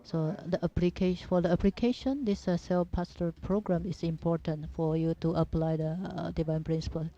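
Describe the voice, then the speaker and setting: Female seminar speaker, Japanese accent, non-native and hesitant, repetitive phrasing, soft dark tone, dull lo-fi recording. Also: fairly low pitch, fairly even intonation. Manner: halting, simple non-native English with repeated phrases. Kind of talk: informal religious teaching talk. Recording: dull, muffled lo-fi audio.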